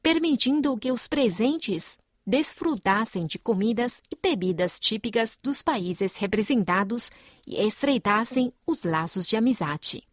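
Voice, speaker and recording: A woman narrating a news report in an even, measured reading voice. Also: fairly high pitch, no room sound, clean studio sound.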